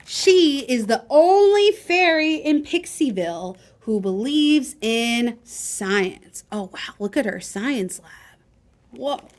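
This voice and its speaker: A library storytime host reads a children's picture book aloud in a high, slow, animated voice. She is expressive and speaks directly to her young listeners, adding chatty asides along the way.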